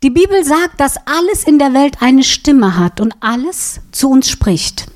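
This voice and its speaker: A woman's voice: sits high, measured pace. A woman preaching a sermon, teaching with a prop and asking her listeners questions. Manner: asks the audience questions, lively.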